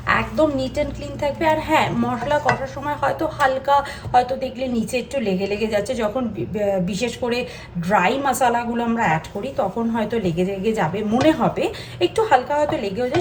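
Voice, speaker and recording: A chatty woman in her thirties with a Bengali accent, talking through her day in a casual home vlog. Her voice sits a little high, with a faint hiss of room noise behind it. She explains cooking tips step by step. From India. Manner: speaks softly so as not to disturb others. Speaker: vlogger.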